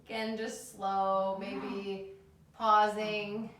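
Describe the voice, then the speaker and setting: A woman teaching a guided chair yoga class in a soothing, gentle manner. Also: medium pitch, flat delivery, very slow, a little hiss or hum. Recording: very echoey room, distant mic.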